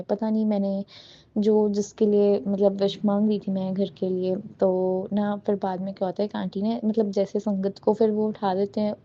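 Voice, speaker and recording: A woman's voice: medium pitch, dark tone. Heartfelt woman sharing a devotional story. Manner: rambling and heartfelt, many fillers, mixes in English words. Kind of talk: casual devotional testimony. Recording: dull lo-fi audio.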